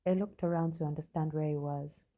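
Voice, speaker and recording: A woman narrating a scripted story in an even, matter-of-fact way. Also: sits low, fairly quick.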